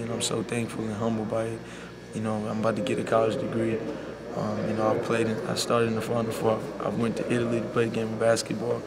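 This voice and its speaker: A young man, a college basketball player speaking softly and sincerely in a media scrum, leaning on "you know.". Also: on the low side. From Bahamas. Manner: soft-spoken and heartfelt, full of "you know". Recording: loud background noise.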